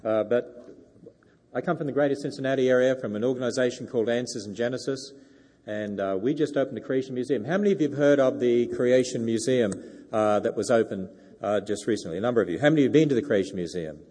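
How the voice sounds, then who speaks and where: In a reverberant church sanctuary, a guest speaker with an Australian accent gives a sermon to the congregation using a wireless handheld microphone. His mid-range voice is fast and mellow, and his folksy delivery includes joking asides.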